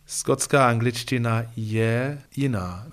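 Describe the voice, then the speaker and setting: A man with an English accent, a native English speaker, asking measured interview questions. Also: mid-range voice.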